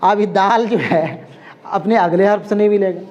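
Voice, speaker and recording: A man's voice: high voice, normal speed, darkish tone, lo-fi sound. A man teaching a language class, repeating each word and often checking that the students follow. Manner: repeats words and keeps checking understanding. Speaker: Urdu teacher.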